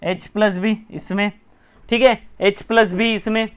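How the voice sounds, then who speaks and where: High-voiced Indian man teaching live. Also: fairly even intonation, clean tone. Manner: brisk, repetitive, urging viewers to comment and share. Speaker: chemistry teacher. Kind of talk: live online class.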